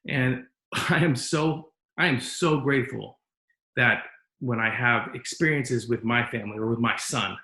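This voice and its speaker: A man's voice: mid-range voice, unhurried, pushed and bright. Man, podcast host, earnest, encouraging, rambling, roomy echo. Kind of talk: casual interview talk.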